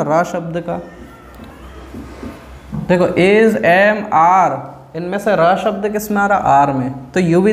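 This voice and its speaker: A man with a fairly high voice teaches a grammar lesson, drilling points through repetition. He poses questions to his viewers and answers them himself, checking in again and again. His voice rings in a noticeably echoey room. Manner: repeats "ठीक है?" checks, asks and answers own questions.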